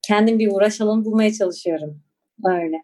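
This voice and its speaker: A woman in her forties from Turkey recounts her own past, speaking thoughtfully with frequent pauses and fillers. Her voice sits in a middle register. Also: mid-range voice, mellow. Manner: reflective, hesitant, with frequent fillers. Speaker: interviewee. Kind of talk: personal recollection.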